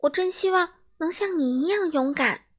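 Woman putting on a fussy little girl, haughty, complaining, high and loud, children's storybook voice. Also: normal speed. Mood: timid.

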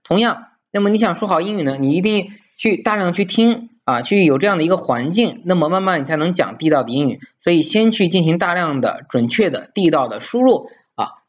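In an informal video lesson, a man with a slightly high voice teaches English, emphatic and coaxing, often putting rhetorical questions to his listeners. The recording sounds muffled.

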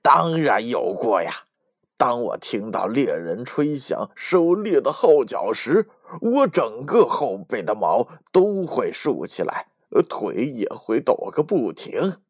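A man's voice: mid-range voice, sing-song, slow, no room sound, studio quality, heavily acted. A man voicing the first of three greedy, hungry male foxes in a children's storybook, calling out boisterously. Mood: chatty. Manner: boisterous gloating calls.

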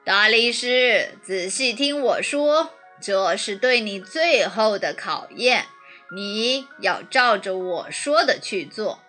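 A woman plays a mysterious hidden voice giving orders in a slow, deliberate, commanding manner. Her tone stays high and lively, and bright, with faint music behind the storybook. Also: full character voice. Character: mysterious commanding voice claiming to be a god.

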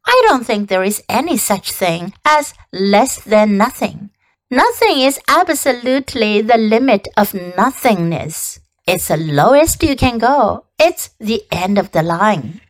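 A woman's voice: a little high, sing-song, a little slow, no room sound. A woman voicing a lonely young male pig who pleads and reasons earnestly.

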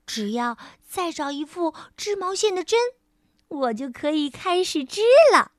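A woman voicing an excitable little boy mouse in a children's storybook, with squeaky, eager exclamations. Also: measured pace, no room sound, clean studio sound, exaggerated voice. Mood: excited.

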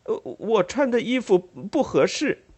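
A man reading an audiobook, voicing a plump, bashful young dandy who stammers in a high, flustered voice. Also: very animated, measured pace, darkish tone, husky, exaggerated voice.

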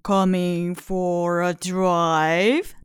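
A woman's voice: lowish voice, little pitch movement, very slow, a little hiss or hum, voice pushed down. A woman doing a sly coaxing wolf.

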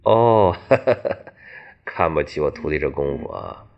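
Male storyteller doing a wry, unhurried old kung fu master, deep and gravelly. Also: big pitch swings, lo-fi sound, full character voice. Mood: challenging.

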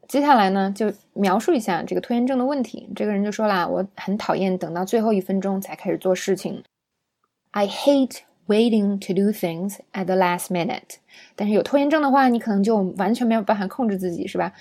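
A woman's voice: mid-range voice, dark tone. Patient woman teaching English pronunciation. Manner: patient, explains pronunciation syllable by syllable; often checks in with a tag question. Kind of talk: spoken language lesson.

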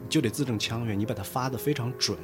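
Fast-talking man explaining patiently. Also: medium pitch, music in the background. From Lanzhou, China. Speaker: guest, pronunciation coach. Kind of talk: casual podcast chat.

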